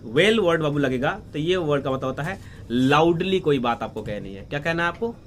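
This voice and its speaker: A man teaches a story line by line. His voice sits a little high for a man, and he keeps stopping to put questions to his students. A faint hiss runs under the recording. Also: lively intonation. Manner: explains slowly, asks questions and answers them himself. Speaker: English teacher. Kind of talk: line-by-line lesson explanation.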